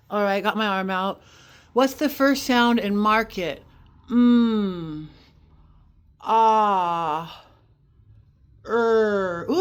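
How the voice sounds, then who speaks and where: A woman teaching a children's phonics lesson, slowly sounding out letters and syllables in an encouraging way. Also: medium pitch. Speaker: kindergarten teacher.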